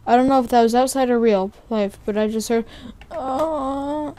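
A young woman commenting on a horror game as she plays, jumpy and sarcastic, thinking out loud. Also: a little high, normal speed. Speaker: gamer playing a horror game. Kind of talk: let's play commentary.

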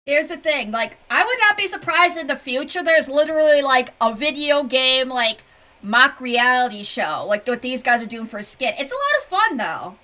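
A woman's voice: high-pitched, very animated, moderate pace, bright, forceful tone. A woman streamer giving casual reaction commentary in a cute anime-streamer manner. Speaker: VTuber streamer reacting to a video.

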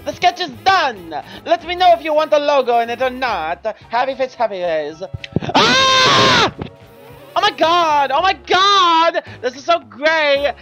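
A woman voicing an excitable young woman artist in a fan voice-over of chat messages, giggly and gushing. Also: sits high, unhurried, soft background music, full character voice. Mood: excited. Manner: giggly, gushing, bursts into squeals.

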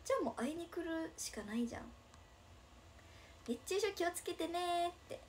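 A woman's voice: very high-pitched, animated, moderate pace, slight background noise. Bubbly young woman with a Nagasaki lilt. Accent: Nagasaki dialect. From Japan, Nagasaki. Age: 20s. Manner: bubbly, giggly, reacts to comments. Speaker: idol livestreamer. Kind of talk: casual livestream chat reading comments.

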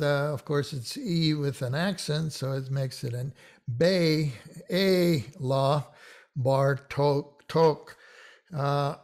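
Older man, slow unhurried delivery, somewhat raised pitch, chatty with little laughs, casual lesson to camera, home office, boom mic. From Hungary. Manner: chatty, with small laughs and filler "uh"s, slows down to spell out names. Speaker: psychology professor. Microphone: boom shotgun mic beside him.

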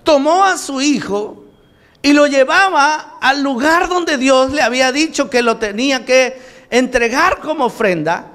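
A man's voice: very high-pitched, lively intonation, unhurried, a bit bright. A male preacher retelling a Bible story in a sermon, asking the congregation questions and acting out the dialogue, with a Mexican Spanish accent. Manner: asks the congregation questions and repeats the answers; acts out the story's dialogue in quoted voices.

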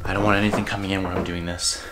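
A young man vlogging to camera from his bedroom at night, often in a hushed whisper, jumpy and talking to viewers as guys. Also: sits low, level tone, rapid-fire, heavy background noise. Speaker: paranormal YouTuber. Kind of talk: casual vlog to camera. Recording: music playing under voice.

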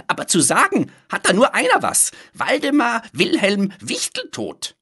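Ein schriller, theatralischer kleiner Kerl, der in hoher, heller Stimme empört schimpft und spöttisch singt. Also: male voice, huge pitch swings, normal speed, pushed and bright, husky, exaggerated voice. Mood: indignant. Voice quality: shrill, singsong. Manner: indignant, mocking, sings and drawls in a falsetto. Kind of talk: audiobook character voice.

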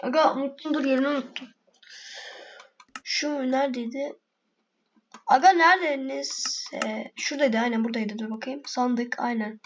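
A woman's voice: high-pitched, steady tone, moderate pace, long pauses, highs cut off. A woman giving casual gameplay commentary, chatting to herself and her viewers with sudden exasperated outbursts, in a noisy home recording. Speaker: gaming video creator.

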